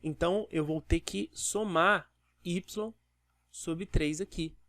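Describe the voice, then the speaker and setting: A man teaches a video math lesson in a voice pitched a little high. He walks through each step and asks the viewer rhetorical questions as he goes. The sound is dry and close, with almost no room reflection. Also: fairly even intonation, takes it slowly, a bit bright, no room sound.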